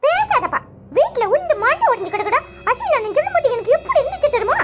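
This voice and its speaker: A woman's voice: very high-pitched, big pitch swings, fast talker, soft background music. A woman voicing an upset young daughter in a cartoon who scolds her father and keeps pressing him with accusing questions. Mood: scolding. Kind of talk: cartoon voice acting.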